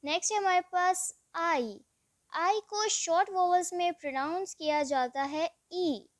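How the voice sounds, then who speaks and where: A woman's voice: extremely high pitch, measured pace, no room sound, studio quality. A woman teaching English vowels, spelling out words letter by letter and stretching the vowel sounds in a patient classroom manner. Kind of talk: slow classroom explanation.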